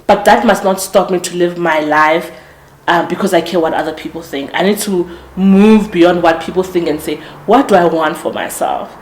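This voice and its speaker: Speaking at a moderate pace in a slightly low, somewhat mellow voice, a woman in her late twenties gives a casual motivational talk on her podcast. The room is echoey. Her delivery is earnest and thoughtful, full of restarts and self-corrections.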